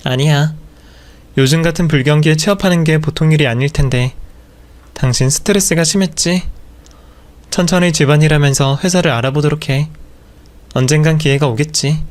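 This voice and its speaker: A man's voice: on the high side, normal speed, pauses often, close to an everyday voice. A man voicing an exasperated young wife and working mother who scolds her husband. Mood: softened. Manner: scolding, nagging.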